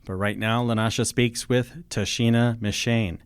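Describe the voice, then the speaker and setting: A man's voice: mid-range voice, fairly even intonation, moderate pace, smooth, dry recording. A man reading a scripted radio show intro in a polished announcer manner.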